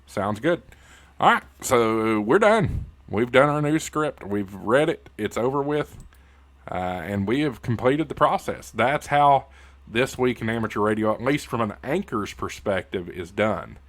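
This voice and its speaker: With a medium-pitched voice, animated but a little slow, this Appalachian-accented man hosts a laid-back livestream tutorial in a hillbilly, folksy style. He's a YouTube host and amateur radio news anchor who addresses his audience directly and informally as "y'all" and "guys."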